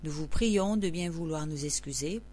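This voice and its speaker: In a deep voice with a dark tone, a woman delivers scripted public announcements of the kind heard in airports or stations. Her reading is formal and measured.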